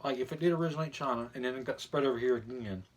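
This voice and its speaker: A man with a medium-pitched voice hosts in a casual, opinionated way. He talks bluntly and informally, with mild profanity mixed into his chat. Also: rapid-fire. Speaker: video host.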